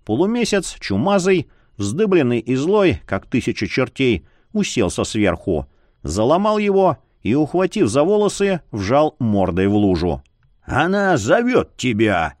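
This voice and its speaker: A man narrating a fantasy novel in a dramatic, expressive reading. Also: a little slow, no echo. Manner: expressive, swinging pitch. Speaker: audiobook narrator. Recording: dry close studio sound.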